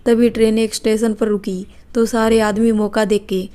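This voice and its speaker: A woman storyteller reads a scripted story with steady, even delivery. Her voice sits slightly high but barely moves in pitch. The tone is mellow and dark rather than bright. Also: moderate pace.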